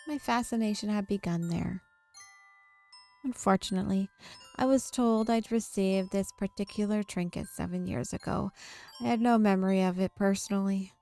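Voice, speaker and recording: A woman streams a visual novel with game music playing under her voice, reading the narration aloud expressively. Her medium-pitched voice is warm and creaky, at a normal speed. Now and then she corrects herself mid-sentence.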